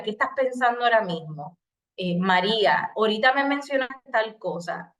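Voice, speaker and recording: A middle-aged Puerto Rican woman with a Puerto Rican Spanish accent, delivering a recorded training lecture. Her voice sits at an ordinary middle pitch, and her talk is patient and explanatory. She slips briefly into short example phrases to show what to say. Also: fairly bright tone. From Puerto Rico. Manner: explanatory, speaks in first person, acts out short example phrases. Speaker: psychologist giving a training session. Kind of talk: recorded lecture on crisis communication.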